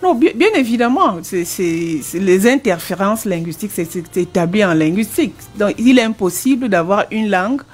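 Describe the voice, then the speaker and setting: Her medium-pitched voice has lively intonation and runs at normal speed with few pauses, over faint background music. She is a Cameroonian French-accented retired language teacher in her sixties, giving earnest, explanatory interview answers and restarting phrases often.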